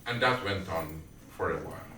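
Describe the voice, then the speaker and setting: Guyanese male preacher, slow and deliberate, tense bright tone, far-off mic in a roomy space. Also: deep voice, expressive, slight background noise. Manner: slow storytelling with questions to the audience. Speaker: satsang speaker. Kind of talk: devotional sermon. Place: indoor family prayer gathering. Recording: echoey room, distant mic, faint background.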